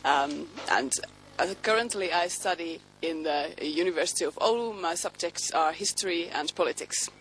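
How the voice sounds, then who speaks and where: Low-voiced Finnish woman student. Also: normal speed, a bit bright, a little hiss or hum, poor audio. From Finland.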